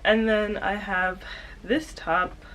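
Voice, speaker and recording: A young woman vlogger with a slightly stuffy nose talks in an informal, halting way. Her voice sits at an average pitch and carries a light nasal congestion from a cold. There is some background noise around her. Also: steady tone, a bit bright, low-quality recording. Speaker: sewing vlogger. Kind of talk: casual chatty vlog.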